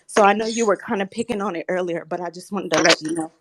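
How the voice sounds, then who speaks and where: Calling into a live talk room, a Southern US woman in her thirties talks quickly in a lowish voice. She comes across soft-spoken and earnest with a slight tremble, yet becomes firm and insistent under challenge.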